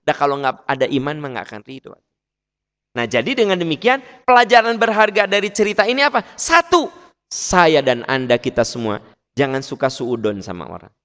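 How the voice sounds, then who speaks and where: A middle-aged man with a Sundanese accent preaching a sermon, telling stories lively and climbing high for emphasis. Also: a little fast, smooth. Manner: lively storytelling, rising sharply for emphasis. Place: large mosque. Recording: long reverb in a mosque hall.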